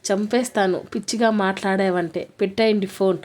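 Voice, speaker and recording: A woman's voice: medium pitch, steady tone, brisk, close to an everyday voice. A woman voicing an angry young woman who scolds and threatens her friends on the phone in a storybook reading. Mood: threatening. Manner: scolding, sharp.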